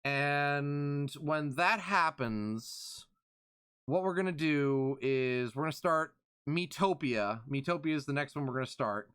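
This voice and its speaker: A man's voice: fairly high pitch, slow, fairly bright tone, clear, resonant tone. A man streaming live, chatting casually and reading out thanks to followers.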